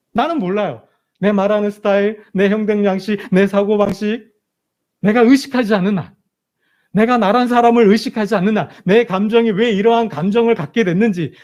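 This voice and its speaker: A man's voice: high-pitched, darkish tone. A male pastor preaching a sermon in a church, asking rhetorical questions and repeating emphatic phrases. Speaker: senior pastor. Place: church sanctuary.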